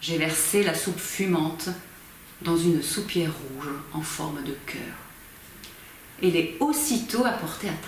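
A low-pitched woman in her fifties, reading as a volunteer amateur, delivers a novel theatrically with measured and expressive phrasing. She was filmed indoors by a faraway camera in a small library corner, and the room sounds very echoey with faint background noise.

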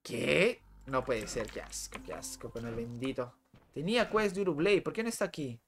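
Animated streamer man, lively pitch. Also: moderate pace, faint music behind. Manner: animated and talkative, full of rhetorical questions. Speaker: gaming streamer. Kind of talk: live gameplay chat with a rant to viewers.

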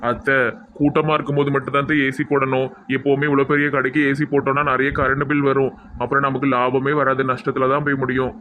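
Mid-pitched voice, flat delivery, Tirunelveli accent, earnest and patient, faint hiss behind. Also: fast. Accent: Tirunelveli Tamil. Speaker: comedy sketch performer. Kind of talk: scripted comedy sketch acting.

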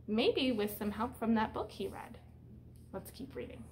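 Expressive and measured, a woman in her thirties reads a picture book aloud in a small room, her slightly mellow voice on the high side. Acting as a teacher, she uses simple, instructive phrasing for young children, explaining plainly and asking them questions; a little hiss or hum is audible.

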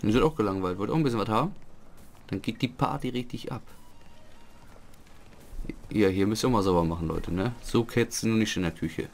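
A man's voice: on the low side, rapid-fire, vocal fry, hardly any pauses, a little mellow, soft background music. A man doing casual commentary as he plays a video game. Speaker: let's player.

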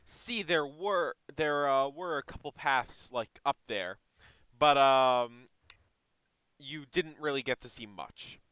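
A man's voice: mid-range voice, slow, fairly bright tone, clean tone, dry recording, rough recording. A young man running a tabletop game as game master, talking in a loose, slangy way with lots of fillers.

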